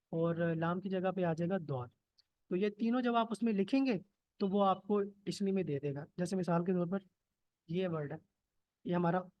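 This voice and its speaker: A man's voice: high-pitched, dry recording, highs cut off. A man teaching Arabic grammar in an online lesson, explaining step by step and checking in often with his students. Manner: patient, checks in with "theek hai?" often. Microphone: computer mic on a video call.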